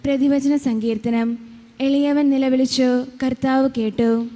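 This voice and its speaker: Woman lector reading at mass, high mellow voice, long church echo. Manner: steady measured reading. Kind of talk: liturgical scripture reading. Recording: reverberant church hall.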